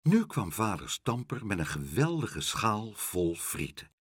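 Brief: male storybook reader, hugely animated delivery, husky, dry close sound. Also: lowish voice, unhurried, no room sound. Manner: very lively, expressive storytelling. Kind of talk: children's book read aloud.

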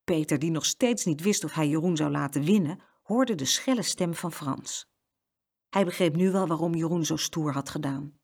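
A woman reading a children's story aloud as narrator, with expressive storytelling. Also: sits low, moderate pace, husky.

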